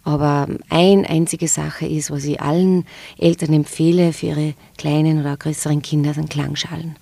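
A yoga and meditation teacher with an Austrian accent, answering interview questions calmly and thoughtfully, pausing often with hesitations. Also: female voice, low-pitched, gravelly, dry recording. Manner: calm, thoughtful, with frequent hesitations. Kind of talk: podcast interview.

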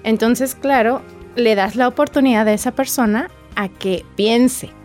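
Brief: female therapist guest, somewhat high voice, calm explainer, faint music behind. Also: unhurried. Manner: explains calmly, acts out little scenes with voices. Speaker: psychotherapist guest. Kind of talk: advice on a talk show.

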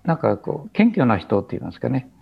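A man in his seventies speaking slowly and thoughtfully as an interview guest over a video call. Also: mid-range voice, very animated, vocal fry, slightly rough. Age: 70s. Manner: slow, halting, thoughtful. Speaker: guest teacher. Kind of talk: reflective interview talk. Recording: dull lo-fi video call audio.

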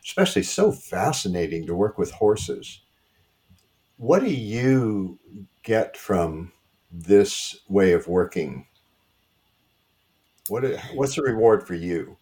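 A man hosting an interview, asking friendly questions with many hesitant pauses. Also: fairly low pitch, sing-song, a little mellow. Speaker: podcast host.

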